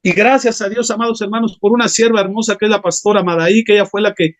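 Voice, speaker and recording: A man's voice: sits high, fairly even intonation, quick pace. A man preaching an impassioned sermon as a pastor, often calling his listeners brothers. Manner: impassioned, keeps addressing the congregation as brothers.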